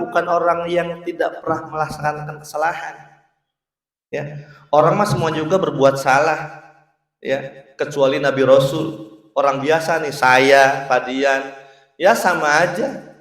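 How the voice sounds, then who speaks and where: Slow-paced preacher telling a story. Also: male voice, on the high side. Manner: lively, joking, addresses listeners as Pak. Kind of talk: Islamic sermon storytelling. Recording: roomy, distant mic.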